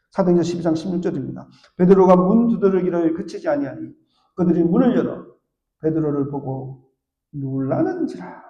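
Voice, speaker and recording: A man preaching a sermon as pastor, telling stories and acting out the voices of the people in them. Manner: storytelling, acts out voices with big pitch swings. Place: church sanctuary. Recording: echoey church room.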